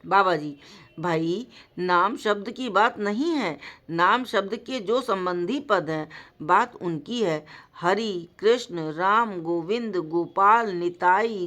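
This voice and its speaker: A woman voicing a humble, inquiring elderly male holy man in a slowly read devotional story. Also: mid-range voice, fairly bright tone. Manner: slow, measured reading voice.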